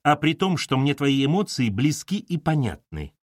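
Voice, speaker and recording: A gruff, blunt middle-aged man who coaxes and needles, as a male narrator puts him on. His delivery swings with lively pitch, recorded close and dry. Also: normal speed, no echo. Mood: pleading. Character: blunt older male colleague, gruff and pushy.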